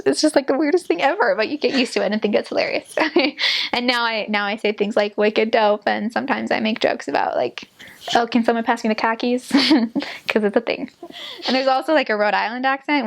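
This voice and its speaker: A woman in her twenties chatting casually and telling humorous anecdotes in a giggly, animated way, with "like" sprinkled throughout. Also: a little high, vocal fry. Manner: giggly, animated storytelling with frequent "like". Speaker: former missionary telling stories.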